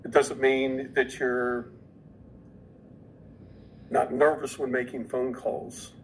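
A man's voice: medium pitch, level tone, takes it slowly, slight background noise, poor audio. Guy on a podcast laying out his idea, earnest, repeats words, middle voice. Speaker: podcast guest. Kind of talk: explaining an idea in conversation.

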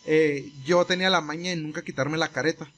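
In a relaxed, rambling way, a young man from Mexico spins a long story during a casual chat, voicing the characters' exchanges himself. His Mexican Spanish-accented voice is on the high side, and he talks a little fast.

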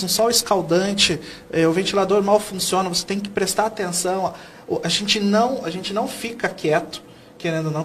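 A man's high-sitting voice comes through with slight background noise. He's from São Paulo state in Brazil and appears as a guest educator on a TV interview, earnestly explaining and frequently answering questions he has just posed.

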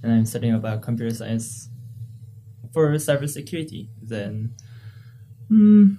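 A young man with a Korean accent speaks slowly in a very soft, dark tone. He searches haltingly for words as an interview guest, with faint room noise around him. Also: mid-range voice, very animated. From South Korea. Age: young adult. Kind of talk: casual group interview. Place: professor's office, at a table.

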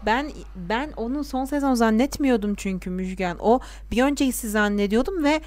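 A woman's voice: on the high side, normal speed, a crowd in the background. A young woman in casual, opinionated chat about a TV series, talking at length and sometimes drawing her words out.

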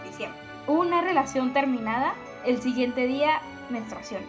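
High-voiced Mexican young woman telling stories. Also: fairly quick, music in the background. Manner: emotional, animated storytelling with slang. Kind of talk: casual chat.

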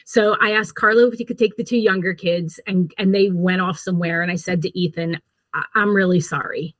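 A woman's voice: fairly low pitch, steady tone, a little fast, dry recording. Mother in her forties recounting a parenting story on a podcast; self-deprecating, dry studio voice. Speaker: podcast guest. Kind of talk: candid storytelling in interview.

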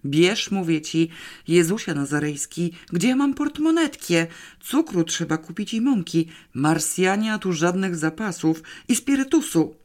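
An audiobook narrator voicing a panicky middle-aged housewife who talks in a shrill, frantic rush. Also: expressive, takes it slowly, hardly any pauses, a bit bright. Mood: panicked.

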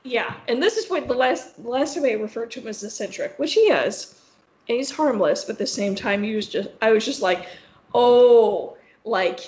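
A woman's voice: a little high, animated, brisk. A woman co-hosting a podcast, telling a rambling, profane story full of fillers. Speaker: podcast co-host. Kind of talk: casual chat. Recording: echoey room, dull lo-fi sound.

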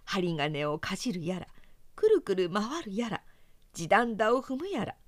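A professional woman narrator reading a children's story aloud, expressive and clearly articulated, close to the mic. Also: medium pitch, measured pace, no echo.

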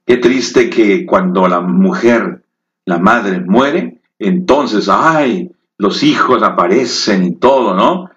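A man preaching a sermon in slow, emotive storytelling that rises into dramatic peaks. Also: lowish voice, expressive, fairly bright tone. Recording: echoey, dull lo-fi room.

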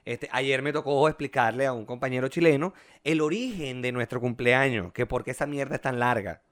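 A man's voice: medium pitch, fairly quick. A Venezuelan man in his twenties, co-hosting a casual chat and telling stories with jokes and playful voices. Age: 20s. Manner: joking, animated storyteller with playful voices. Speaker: podcast co-host.

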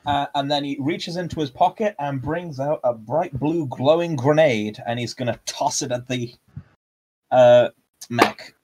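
A man's voice: mid-range voice, unhurried, a little mellow, slight background noise, poor audio. A man playing in an online tabletop game, describing his character's actions with frequent fillers. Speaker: player. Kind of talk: casual tabletop play over voice chat.

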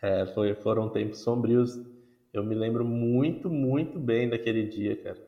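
A man from Brazil hosting a podcast, relaxed and casual, laughing now and then as he talks. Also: mid-range voice, unhurried. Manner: relaxed, laughs while talking. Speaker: podcast host. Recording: dull, echoey room sound.

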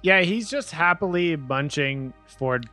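A man narrating as game master of a tabletop role-playing game, relaxed and quick to laugh. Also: a little high, soft background music. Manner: relaxed, laughs easily, voices side characters.

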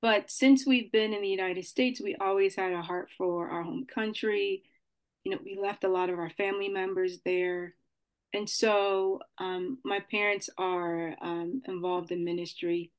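Woman from Nigeria, mid-pitched, thoughtful and halting, filler-heavy. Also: fairly even intonation, smooth. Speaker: guest, nonprofit CEO. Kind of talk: casual interview answers.

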